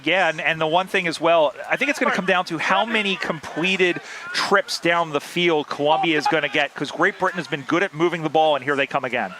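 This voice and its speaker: Male play-by-play caller, slightly high voice, chatty asides, noisy outdoor field. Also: fairly quick. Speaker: play-by-play commentator. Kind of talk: live sports commentary. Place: outdoors beside a sports field. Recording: outdoor field with loud background noise.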